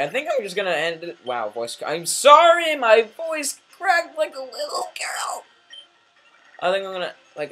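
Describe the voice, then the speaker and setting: A man doing casual let's play commentary, rambling and self-deprecating, muttering asides then bursting into sudden shouts at the game. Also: on the high side. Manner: excitable, swings between mumbling asides and sudden shouts.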